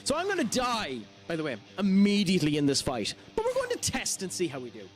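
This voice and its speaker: A man's voice: high-pitched, huge pitch swings, fast talker, music in the background. An Irish man streaming a game, chatting in an easygoing way and reading out chat. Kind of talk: casual live-stream chat.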